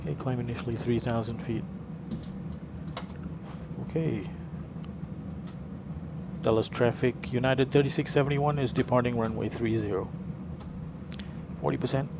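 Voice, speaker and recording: A man's voice: mid-range voice, fairly even intonation, vocal fry. Man making pilot radio calls on headset. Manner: clipped pilot phraseology, with filler "uh" pauses. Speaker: flight sim pilot streamer. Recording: loud engine and air hum behind.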